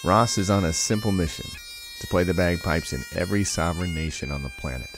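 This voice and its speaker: A man with a low, deep voice hosts a podcast interview from his home, talking with enthusiasm and wandering into long, rambling anecdotes. Faint music sits underneath in places. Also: fairly quick. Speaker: podcast host. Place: home in Hawaii.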